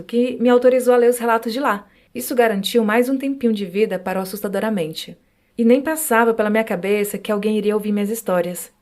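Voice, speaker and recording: A woman with a Brazilian Portuguese accent hosts a podcast, reading listeners' supernatural accounts in a calm, measured voice. Her pitch sits in the middle of the range. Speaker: podcast host and reader of listener stories. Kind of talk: narrating true supernatural stories.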